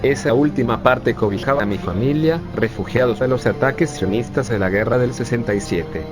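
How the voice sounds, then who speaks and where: Voicing an urban planning professor, this synthetic male voice is medium-pitched, a little fast and lightly acted. The scripted story, set over a music bed, has him sarcastically and bitterly recalling his young refugee days.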